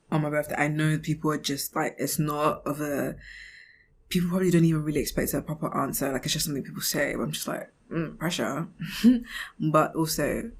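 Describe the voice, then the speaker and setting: Low-pitched and gravelly with a breathy edge, this woman in her twenties hosts a casual podcast monologue. She talks in a giggly, expressive, conversational way, acting out imagined remarks and often laughing mid-thought.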